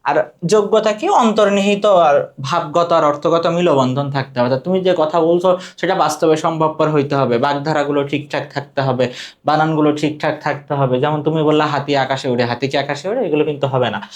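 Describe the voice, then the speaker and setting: A man's voice: on the high side, a little fast. A man teaching an exam-prep lesson, asking questions and repeating the answers.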